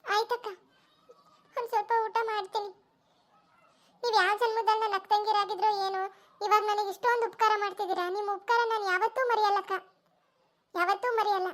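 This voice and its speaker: A woman's voice: very high-pitched, steady tone, fairly quick, long pauses, fairly bright tone. A woman voicing a lonely young widow in a village, pleading and humble in her grief. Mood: grateful. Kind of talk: cartoon voice acting.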